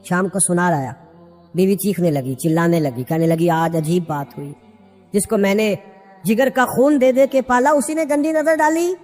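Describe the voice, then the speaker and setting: A man preaching a passionate sermon who tells stories in a rhythmic way, often swelling into high, emotional cries. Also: a little mellow. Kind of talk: Urdu sermon storytelling. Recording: echoey hall with faint music.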